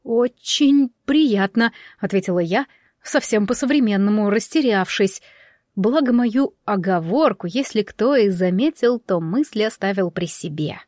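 A woman narrating a first-person fairy-tale story as an audiobook, in an even, expressive storytelling manner. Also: medium pitch, normal speed, dry recording, clean studio sound.

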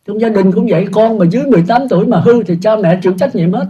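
A man's voice: high voice, very fast, mellow, slightly rough. An older man, a Buddhist monk, giving a chatty, self-mocking dharma talk and laughing at his own jokes. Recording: dull lo-fi recording.

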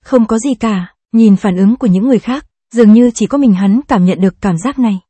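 A woman giving steady, scripted narration of a fantasy audiobook. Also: medium pitch, fast, husky, no room sound.

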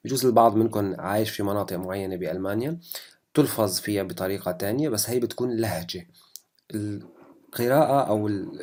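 A young man with a Levantine Arabic accent and a darkish voice on the low side teaches German. In this language lesson, he explains the rules and drills the number words one at a time.

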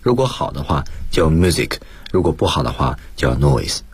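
A man's voice: a bass voice, sing-song, moderate pace, husky, dry recording. A male lecturer explaining English vocabulary and grammar on a radio lesson, mixing English terms into his Mandarin explanations. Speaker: guest lecturer, school principal.

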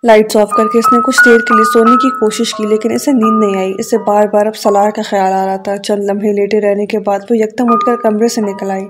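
Reading a novel aloud for an audiobook, a woman at medium pitch keeps her storytelling calm and even. Soft music can be heard faintly in the background.

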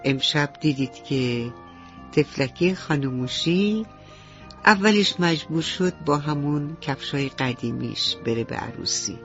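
Woman bedtime-story narrator for kids, dull lo-fi radio sound, soft music beneath. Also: low-pitched, expressive. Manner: gentle, addresses children directly.

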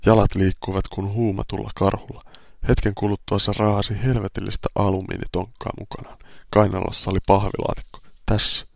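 Deadpan guy with reading his comic column, swears a lot, gravelly lowish voice, totally dry sound. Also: no room sound. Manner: deadpan, profane storytelling. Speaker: podcast host. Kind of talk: reading a humorous first-person column.

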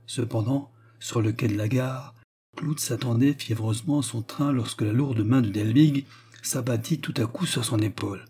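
Husky, mellow male audiobook narrator. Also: medium pitch, normal speed. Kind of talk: scripted narration.

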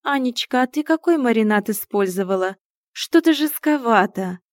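Woman playing a huffy mother-in-law, high and loud, picky and pointed. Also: expressive, moderate pace, no echo, clean studio sound, lightly acted. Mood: indignant. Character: fussy, indignant middle-aged mother-in-law.

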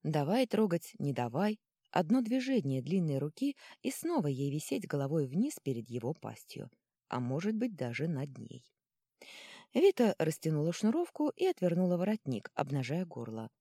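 A woman narrating a fantasy novel in a lively, expressive reading. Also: low-pitched, moderate pace, dry recording, studio quality. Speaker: audiobook narrator.

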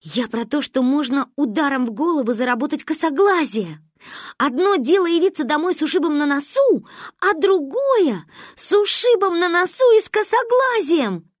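A woman voicing a bossy, stubborn little girl who shouts indignantly. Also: very high-pitched, sing-song, a little fast, hardly any pauses, dry recording, studio quality, pitched above the performer's own voice, full character voice. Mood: scheming.

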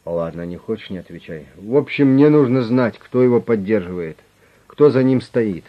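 A calm, insistent negotiator who presses his offer without hurrying, as a male reader plays him. The voice is lowish and even. It comes through a dull, lo-fi recording. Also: moderate pace, close to an everyday voice. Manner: steady, insistent, persuasive. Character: calm, pushy male negotiator with an official manner.

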